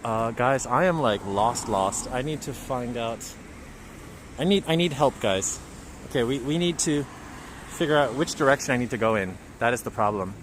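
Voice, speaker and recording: A man's voice: medium pitch, normal speed. Chatty man on a city street. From Japan. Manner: chatty, reading out viewer comments. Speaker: livestream host. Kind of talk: casual livestream walking tour. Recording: outdoor street recording with traffic noise. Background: traffic and street noise.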